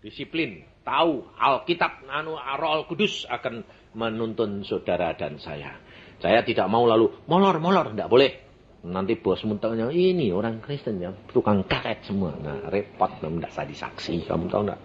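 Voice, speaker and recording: An elderly man in his eighties with a Javanese accent preaches, his voice leaping up and down in pitch as he tells stories and acts out conversations. The recording is dull and lo-fi, with a faint hiss underneath. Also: expressive, normal speed. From Central Java, Indonesia. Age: 80s. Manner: storytelling, acts out dialogue, sound-effect words. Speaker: evangelist preacher. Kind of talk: sermon.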